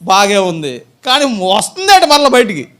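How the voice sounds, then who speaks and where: A man's voice: high voice, huge pitch swings, normal speed, a bit bright. A man preaching a church sermon as pastor, firing rhetorical questions at the congregation and answering them himself, and acting out examples with a listener. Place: church service.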